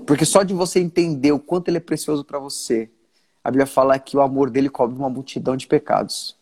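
Brazilian male pastor, husky, earnest casual preaching, frequent restarts. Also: mid-range voice, steady tone, a little mellow. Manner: earnest, restarts often, slows for emphasis. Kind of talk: casual devotional chat.

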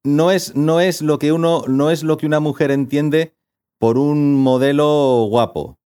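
A man, rambling and animated as he tells anecdotes in a casual podcast chat. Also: on the high side, a little slow, clear, resonant tone. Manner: rambling, animated storytelling, self-doubting.

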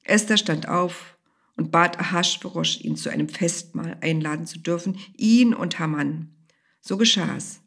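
Woman, storybook narration, expressive, low voice, husky. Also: measured pace.

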